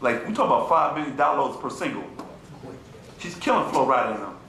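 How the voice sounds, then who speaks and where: A man teaching an informal class to a small audience. He talks in an animated, mocking way and keeps asking his listeners "you feel me?". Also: mid-range voice, brisk. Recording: echoey room with faint ambient noise.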